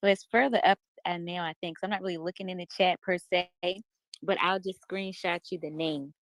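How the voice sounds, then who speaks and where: A woman co-hosting a live stream, chatting casually in a soft-spoken way. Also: on the low side, fairly even intonation, a little fast, no room sound. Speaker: co-host. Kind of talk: casual chat.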